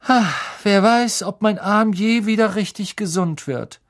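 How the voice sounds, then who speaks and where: Male reader as a spoiled audiobook schoolboy: high, loud, whiny, smug sneer. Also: measured pace. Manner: nasal drawl, shrill and mocking.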